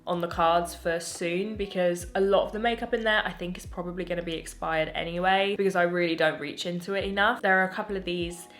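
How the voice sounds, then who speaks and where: A young English beauty vlogger reviews makeup at home in a gushing, chatty way, often interrupting herself, and her voice sounds a little strained, as if slightly going. She speaks fairly quickly with hardly any pauses, in a steady, somewhat bright tone on the low side.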